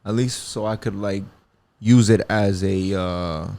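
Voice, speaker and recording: A man in his twenties hosts a casual solo podcast, rambling reflectively with plenty of fillers and free swearing. His voice is fairly low, steady and warm, and he speaks unhurriedly.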